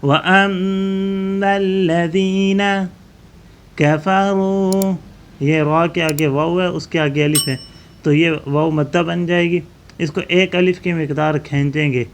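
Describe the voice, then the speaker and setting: A man teaching Quran recitation, chanting verses slowly and then explaining tajweed rules briskly. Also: a little high, steady tone. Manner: alternates slow drawn-out recitation with brisk explanation.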